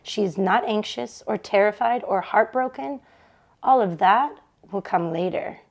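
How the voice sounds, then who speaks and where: A woman with a medium-pitched voice leads a book club read-along, reading a novel to viewers online. Her reading is expressive and a little slow.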